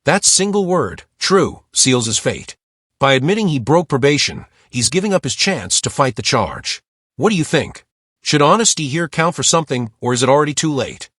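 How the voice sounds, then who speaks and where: A man reads scripted commentary with a dramatic, emphatic delivery. His pitch moves in lively swings, and the recording is dry and close. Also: normal speed, breathy edge, dry recording. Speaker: narrator.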